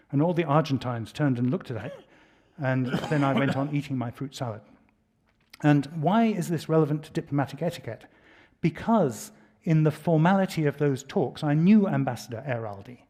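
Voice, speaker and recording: A man's voice: fairly high pitch, a little mellow. British man telling lecture anecdotes. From Britain. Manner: conversational storytelling, dry humor. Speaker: lecturer, former ambassador. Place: lecture hall.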